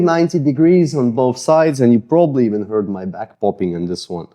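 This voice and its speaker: A man with an Eastern European accent, a fitness coach casually guiding a follow-along mobility routine, sweaty just after a workout and joking about his own tight muscles. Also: mid-range voice. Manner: casual, self-deprecating, relaxed coaching.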